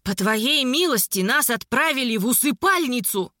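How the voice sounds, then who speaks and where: A woman voicing a short, furious dark-haired male sorcerer who snarls and spits insults. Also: fairly high pitch, animated, moderate pace, dry recording, clean studio sound. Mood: enraged.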